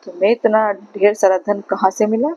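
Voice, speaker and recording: A woman's voice: mid-range voice, flat delivery, moderate pace, mellow, natural voice. A woman voicing a greedy, grasping old king in a storybook tale, asking eager questions, on a slightly muffled recording.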